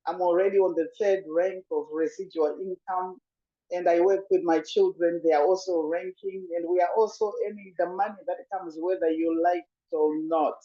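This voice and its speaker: Upbeat man with a high voice on a video call from a hospital bed. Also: fairly even intonation, normal speed, dark tone, muffled recording. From Zimbabwe. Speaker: business owner sharing a testimonial.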